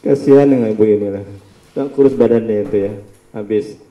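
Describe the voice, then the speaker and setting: A man leading a healing prayer session, giving calm instructions and chanting slow prayers, recorded from a distance in a room. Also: fairly low pitch. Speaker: ruqyah healer. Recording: roomy sound from a distance.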